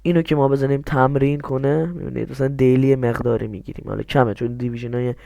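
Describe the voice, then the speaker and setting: With a medium-pitched, fairly even, creaky and mellow voice, a young man leads a screen-recorded strategy game tutorial. He works through it step by step, questioning himself and then supplying the answers, in clean studio sound with no echo.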